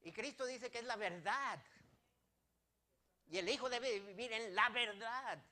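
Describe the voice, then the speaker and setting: A man preaches a sermon in a high, ringing, bright voice. He drives his points home with rhetorical questions and shifts from loud proclamations to hushed asides. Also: measured pace. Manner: swings between loud declarations and quiet asides. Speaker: pastor.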